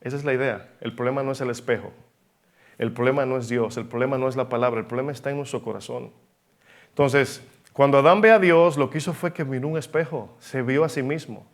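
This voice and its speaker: A man's voice: mid-range voice, steady tone, brisk, gravelly. A man preaching a sermon in Spanish-language church style, emphatic, asking rhetorical questions and varying his pace.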